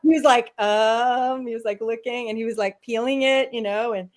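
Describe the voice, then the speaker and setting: A woman guest on a podcast, chatting casually and telling animated stories about her kids. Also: on the high side, normal speed. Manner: animated storyteller, acts out voices. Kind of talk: casual chat.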